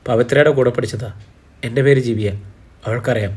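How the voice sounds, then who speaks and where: A man voicing an impulsive young woman, a nursing student, who pleads and complains quickly in an audiobook. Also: medium pitch, fairly even intonation, darkish tone, husky, natural voice. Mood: earnest.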